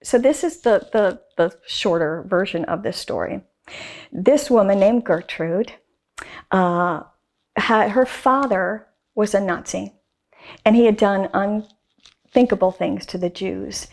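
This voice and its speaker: A woman guest artist talking casually in a faith interview, telling a story with animated emphasis and repeated phrases. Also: mid-range voice, slow, vocal fry.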